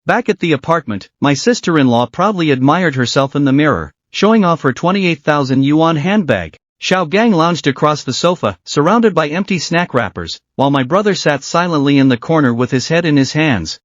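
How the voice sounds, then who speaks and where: A man's voice: fairly high pitch, lively intonation, normal speed, few pauses, no echo. A man narrating a manhwa recap in a dramatic storytelling style. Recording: dry, dull lo-fi voice.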